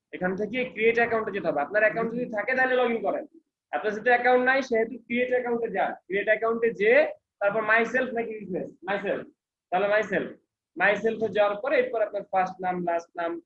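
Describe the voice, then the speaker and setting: A computer trainer from Bangladesh teaches a class in a training center classroom, explaining step by step and often checking that his student is following. His voice sits high, the highs are cut off, and the room is echoey with faint background noise.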